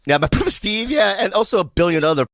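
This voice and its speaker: A man's voice: high-pitched, sing-song, quick pace, fairly bright tone, no echo, studio quality. A man in casual comic banter, talking in slangy, profane bro-speak.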